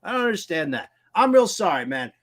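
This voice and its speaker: A man co-hosting a sports betting show, joking and self-mocking in casual chat before giving his picks. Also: sits high. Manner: animated, self-mocking, quick to joke and laugh. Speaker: co-host, betting analyst.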